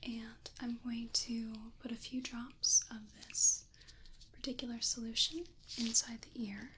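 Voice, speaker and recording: A woman in a whispered role-play as an ear-exam clinician, speaking in a soft, breathy whisper with a gentle, reassuring manner. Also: on the high side, flat delivery, noisy background. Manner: gentle, unhurried, reassuring explaining. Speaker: ASMR performer playing an ear-exam clinician.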